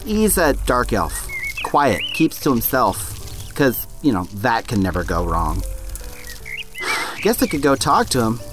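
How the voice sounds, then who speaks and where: A man's voice: mid-range voice, huge pitch swings, slow, over music. A man playing a laid-back, bumbling father and would-be mage who jokes and hesitates a lot. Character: easygoing bumbling Nord dad mage.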